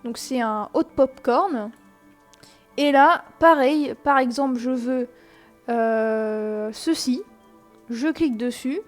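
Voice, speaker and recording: A woman's voice: high-pitched, takes it slowly, soft background music. Chatty young woman explaining a game. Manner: chatty and explanatory, many fillers, self-mocking asides. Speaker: gaming tutorial host. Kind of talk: casual screen-recorded game tutorial.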